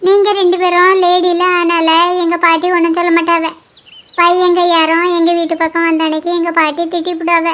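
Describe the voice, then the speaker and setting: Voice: very high voice, little pitch movement, a little fast, fairly bright tone. Someone voicing a fretful young village girl. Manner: explaining, fretful.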